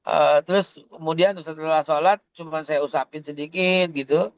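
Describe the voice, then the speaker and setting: A man co-hosting a religious talk, telling stories in a lively, slangy way and acting out quotes. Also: on the high side, normal speed, highs cut off. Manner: animated storytelling, slangy, acts out quotes. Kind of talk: casual religious discussion.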